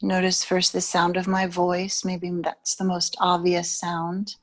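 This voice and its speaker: A woman guides a yoga nidra meditation as a yoga teacher, slow and soothing, with long gaps between her phrases. Her voice is lowish and monotone.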